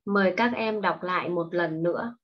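A woman teaching a primary school English lesson online, explaining patiently and slowly to children. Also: on the low side. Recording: dull lo-fi recording.

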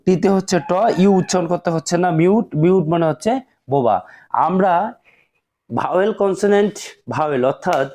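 A man teaching English pronunciation in a slow, step-by-step phonics lesson, spelling out words letter by letter and repeating each sound. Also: sits high, mellow.

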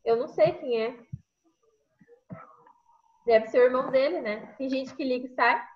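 Her voice sitting high at a moderate pace, a woman with a Brazilian Portuguese accent guides an online English class step by step, checking in with tag questions. The sound from her computer microphone on the video call is echoey and muffled.

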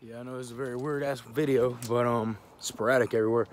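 A man's voice: mid-range voice, steady tone, fast, noisy background. Profane laid-back man filming his car. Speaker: vlogger, car channel host. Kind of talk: casual vlog narration.

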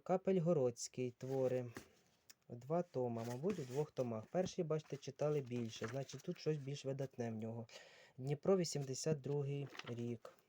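A man sorting old books on camera, unhurried and musing as he reads titles aloud. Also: mid-range voice, dark tone, a little hiss or hum. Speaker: book collector vlogger. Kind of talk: casual talk while sorting books.

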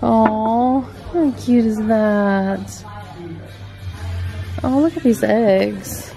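A middle-aged woman films a chatty shopping vlog in a home decor store, gushing over cute items into her handheld camera's mic. Her voice is a little high, gravelly and warm, and she speaks extremely slowly. Soft music plays behind her, and the recording is rough.

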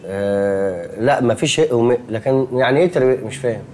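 An actor with an Egyptian accent playing a naive, gentle young man who rambles and whines in panic, in a TV sitcom. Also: mid-range voice, fairly quick, slight background noise, lightly acted. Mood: wistful. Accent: Egyptian Arabic. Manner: rambling, then panicky and whiny. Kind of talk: TV sitcom acting.

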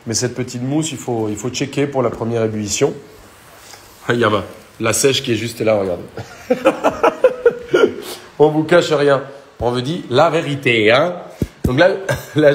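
Young Colombian-accented male chef, bit high-pitched, jokes with viewers live from a roomy kitchen. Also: slight background noise. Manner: chatty and joking, talks to viewers. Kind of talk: live cooking demonstration.

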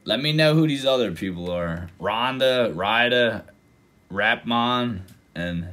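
A man hosting a reaction video, casually commenting and getting excited, sometimes exclaiming loudly. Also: mid-range voice, slow. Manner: excitable, exclaims and breaks into mock voices.

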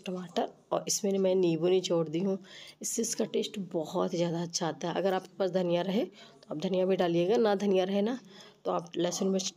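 A woman narrates a recipe tutorial step by step, informally, her voice stuffy and rough with a cold. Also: lowish voice, dark tone. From Uttar Pradesh, India. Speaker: cooking channel host.

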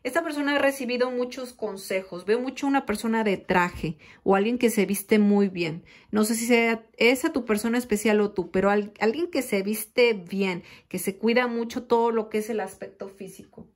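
Brief: woman tarot reader, fairly high voice, slow, intimate, emphatic. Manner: addresses listener as "corazón", slow and emphatic. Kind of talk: intimate direct-to-camera tarot reading.

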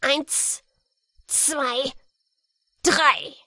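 A woman voicing a male robber leader who bargains in a slow, measured, threatening way. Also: very high voice, lively intonation, bright, forceful tone, dry recording, studio quality, voice pushed up, exaggerated voice. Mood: menacing.

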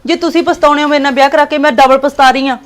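A woman's voice: mid-range voice, animated, fast talker, slight background noise, natural voice. A woman playing a fed-up young wife who angrily threatens to leave. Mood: angry. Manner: angry, loud.

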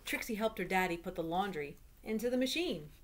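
A woman's voice: medium pitch, animated, brisk. A middle-aged woman reads a children's picture book aloud as a storyteller at home. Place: small room at home.

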